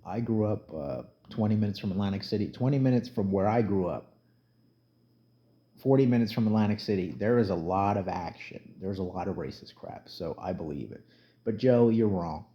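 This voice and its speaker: This YouTube commentator is a middle-aged New Jersey man with a low, animated voice and a moderate pace. His casual vlog is blunt and conversational, full of emphatic rants in plain language, and the audio sounds dull and lo-fi.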